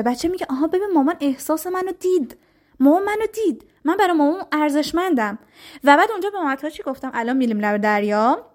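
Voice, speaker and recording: A woman in her thirties giving parenting advice in a lively, direct way, often acting out short lines spoken to a child. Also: high-pitched. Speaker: parenting educator.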